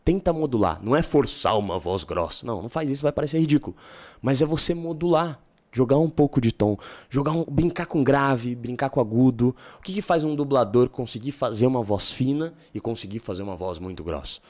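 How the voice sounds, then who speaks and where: Man, podcast guest, casual, animated, slangy, low seductive demonstrations. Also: fast. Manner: animated storyteller, drops into low seductive tone for examples. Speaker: guest giving dating advice.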